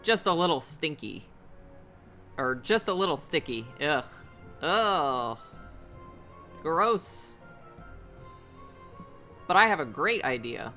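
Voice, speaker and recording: A man's voice: on the high side, very animated, slow, long pauses, sharp tone, soft background music, heavily acted. A man reading aloud the lines of an eager wooden puppet boy from a video game, in a slightly raised voice.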